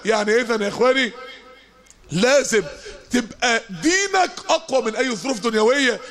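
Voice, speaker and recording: A man with an Egyptian Arabic accent delivers an impassioned sermon at a quick clip. His voice sits very high for a man, and he drives his points home with emphatic force. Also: a bit bright. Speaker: preacher.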